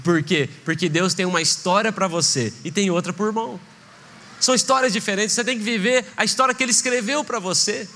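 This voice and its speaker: A man's voice: high-pitched, a little fast, sharp tone, a little hiss or hum. A man pastor preaching a sermon with passion, acting out short voices in his stories. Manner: impassioned preaching, acts out voices in anecdotes. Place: church. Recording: reverberant church hall.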